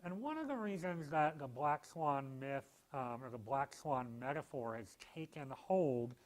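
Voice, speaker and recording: A man's voice: a little high, lively intonation, a little slow, low-quality recording. Dry-humored male law professor lecturing. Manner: dry, self-deprecating humor with frequent fillers. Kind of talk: public lecture.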